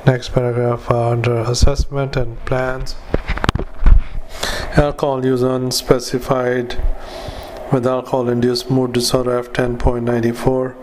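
A man dictating medical notes as a clinician, in clipped fragments with spoken punctuation and formatting commands, in a flat monotone. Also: medium pitch, a little slow, noisy background.

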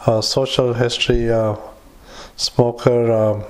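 A man dictating clinical notes as a doctor, in a halting, hesitant, matter-of-fact way with frequent pauses. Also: mid-range voice, little pitch movement, poor audio. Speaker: doctor dictating a psychiatric evaluation. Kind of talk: medical dictation with spoken formatting cues.

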